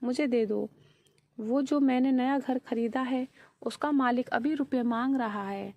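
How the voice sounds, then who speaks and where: Woman doing a scheming young son, coaxing tone, slow, slightly high voice. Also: mellow, no echo, highs cut off. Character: deceitful young adult son, hurried and persuasive.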